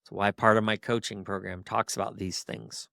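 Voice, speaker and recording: Middle-aged male podcast host, low voice, firm and exhorting with rapid-fire questions, dry close recording. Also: fairly even intonation, gravelly, fairly bright tone, no room sound. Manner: firm, exhorting, drill-sergeant tone. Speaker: podcast host and ministry coach. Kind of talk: podcast monologue.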